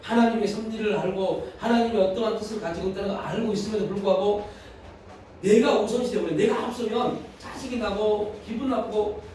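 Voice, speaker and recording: Male pastor, high voice, earnest sermon, picked up from a distance in a booming sanctuary. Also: fairly even intonation, fairly quick, darkish tone, slight background noise. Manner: earnest, telling a personal story. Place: church sanctuary. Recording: echoey hall from far off.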